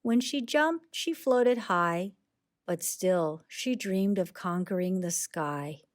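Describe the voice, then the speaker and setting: A woman's lowish voice carries an expressive, deliberate reading of a rhyming children's picture book.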